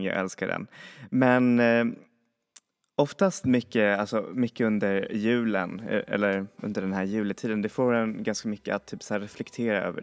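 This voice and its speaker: A man hosting a music podcast, chatting casually and enthusiastically, often stopping to search for the right word. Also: lowish voice. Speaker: podcast host. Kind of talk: casual chat introducing songs.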